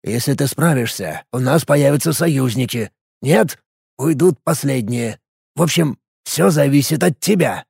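A man's voice: medium pitch, lively intonation, unhurried, creaky, darkish tone, husky, no echo, clean studio sound, full character voice. A man voicing an anxious male minister who pleads and grows agitated in a storybook reading. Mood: defensive.

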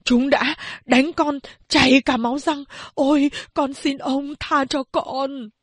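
A woman's voice: sits high, fairly even intonation, slow pace, no room sound, pitched above the performer's own voice. A woman voicing a cowardly male thug who grovels and whimpers for mercy. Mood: groveling.

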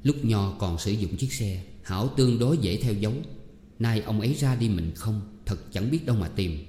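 A man reading a novel aloud as a steady narrator. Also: fairly low pitch, moderate pace, a little hiss or hum. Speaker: audiobook narrator. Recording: roomy hall echo, faint music.

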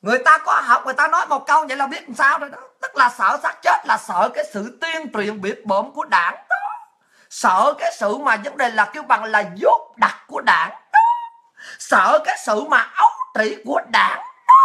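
Fiery high-voiced woman. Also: bright, forceful tone. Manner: fiery, mocking, acts out quoted dialogue. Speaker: political commentary host. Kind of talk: heated political rant.

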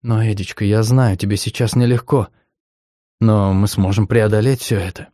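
Guy reading as a clingy young ex, pleading and pushy, voice pitched low and dry. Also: steady tone, normal speed, mellow, dry recording, lightly acted. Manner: pleading, insistent. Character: clingy young woman, persistent ex-girlfriend.

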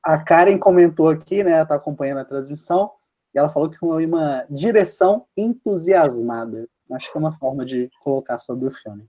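A Brazilian man hosting a live roundtable, brisk and calling on each panelist. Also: fairly high pitch, warm tone, highs cut off. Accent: Brazilian Portuguese. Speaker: host.

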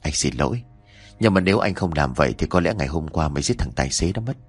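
A man voicing a calm senior police officer who speaks quietly and measuredly. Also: extremely low pitch, fast, slightly rough, no echo, faint music behind, voice pushed down, full character voice.

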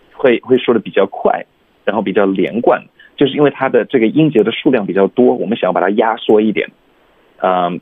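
A man teaching English pronunciation on a radio lesson, explaining calmly and slowly sounding out example phrases. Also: on the low side, breathy edge, no echo. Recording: tinny phone-like radio sound.

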